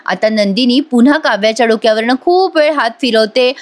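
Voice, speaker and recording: A woman's voice: on the high side, fairly quick. A woman narrating a voice-over review of a TV serial episode, emotive and speaking directly to her viewers.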